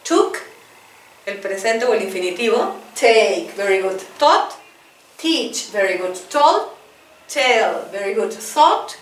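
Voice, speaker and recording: Slow, echoey woman teaching English verbs. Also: mid-range voice, sing-song, distant mic. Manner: patient, repeats words for practice, encouraging. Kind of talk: language lesson, drilling verb lists.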